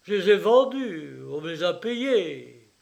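A man's voice: high-pitched, expressive, drawn-out words, voice pushed up, heavily acted. A man playing a blustering, furious old land dealer. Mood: blustering anger. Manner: loud, blustering, indignant shouts. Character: angry, frightened middle-aged male land dealer.

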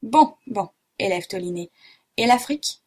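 A woman playing an excitable French geographer. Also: mid-range voice, unhurried, slightly rough. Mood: excited. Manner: exclamatory, theatrical outbursts. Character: excitable middle-aged male French geographer.

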